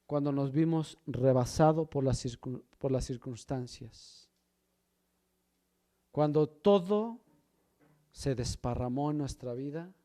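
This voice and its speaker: A man preaching a sermon, swinging from loud emphasis to hushed low lines and asking the congregation questions as brothers. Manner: asks the congregation questions, addresses them as brother. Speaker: pastor.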